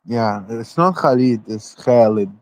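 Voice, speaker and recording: A man calling into a livestream speaks politely and patiently, explaining things step by step in casual conversation. His voice sits at a middling pitch, close and dry. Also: expressive, unhurried, no echo, rough recording. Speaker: caller on a livestream.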